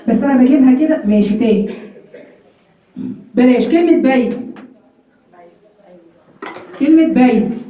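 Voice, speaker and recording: A woman's voice: high voice, a little mellow, echoey room, distant mic, poor audio. A woman with an Egyptian Arabic accent teaching Quran recitation rules in a classroom lesson, explaining step by step and often checking whether her students follow.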